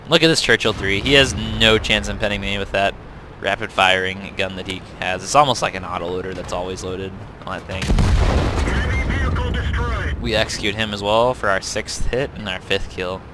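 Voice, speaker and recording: A man's voice: low-pitched, fairly even intonation, moderate pace, heavy background noise. A young man casually commenting over replays of his own tank battles, chatty and self-correcting, with frequent ums. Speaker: game reviewer. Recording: tank game sounds loud behind voice.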